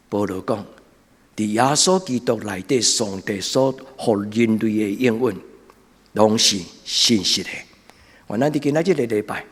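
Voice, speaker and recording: A man with a Taiwanese Hokkien accent preaching a church sermon as a pastor, in short, deliberate, emphatic phrases. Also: fairly low pitch, husky. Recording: reverberant hall sound, long echo.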